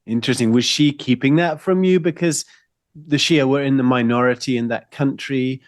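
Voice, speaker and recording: A man's voice: medium pitch, normal speed, dry recording, clean studio sound. Friendly male podcast host. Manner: friendly, encouraging questioner. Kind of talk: podcast interview.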